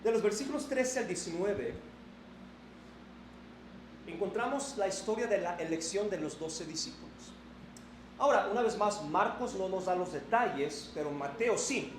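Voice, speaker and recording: A man preaching a sermon as pastor, animated, moving between raised emphasis and a soft reflective tone. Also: high voice, moderate pace, a little hiss or hum. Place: church sanctuary. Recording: echoey church hall with faint ambience.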